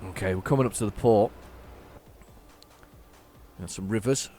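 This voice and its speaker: With faint music behind him, a gaming channel host speaks at normal speed in a fairly low, mellow voice. He rambles casually through gameplay commentary, chatting and often correcting himself.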